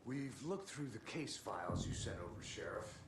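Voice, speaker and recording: A man's voice: fairly low pitch, big pitch swings, moderate pace, noisy background. A man playing a terse, dry veteran federal agent in a video game. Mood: dry, businesslike. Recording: roomy, distant, background crowd murmur.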